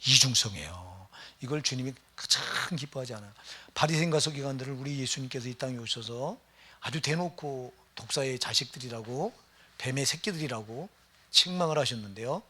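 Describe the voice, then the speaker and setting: A man's voice: medium pitch, a little fast, bright, forceful tone, breathy edge. A middle-aged man, a pastor, preaching a sermon in a conversational way and often putting questions to the congregation. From Gyeonggi Province, Korea.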